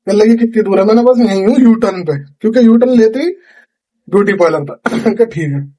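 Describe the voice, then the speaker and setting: A young man from India tells a long story in a high, light voice. He talks casually to his viewers. He acts out every line of the dialogue as he goes. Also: a little fast. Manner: chatty, animated retelling with quoted dialogue. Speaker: vlogger. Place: home kitchen at night.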